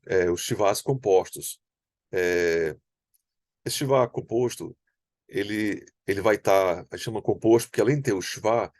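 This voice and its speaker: A man teaching a language lesson from slides, explaining step by step and slowly repeating example words. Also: fairly low pitch, darkish tone, no room sound.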